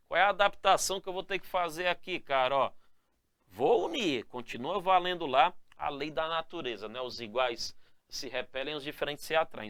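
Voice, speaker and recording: An energetic male teacher explains a spelling rule to his viewers, checking in with them after nearly every phrase. His voice is sharp and bright and swings up and down a lot. It is recorded close and dry. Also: fairly high pitch, dry recording. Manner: energetic, calls the viewers "galera" and "moçada", ends phrases with "né?" and "tá?"; stretches out key words slowly to stress them. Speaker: Portuguese grammar teacher. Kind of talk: lively spelling lesson to camera.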